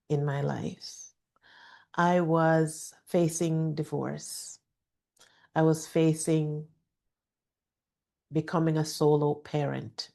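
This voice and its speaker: Slow, low-voiced woman with a soft, gentle delivery. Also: vocal fry. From Jamaica. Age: middle-aged. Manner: gentle, measured, deliberate pauses. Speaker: podcast host. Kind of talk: reflective personal storytelling with calming guided-meditation delivery.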